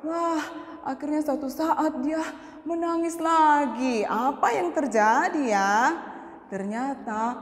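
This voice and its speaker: A woman telling a moral story to schoolchildren in a school chapel, animated and speaking directly to the kids, her voice echoing in the hall. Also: sits high, takes it slowly. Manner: animated storyteller addressing children. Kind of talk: children's chapel story and sermon.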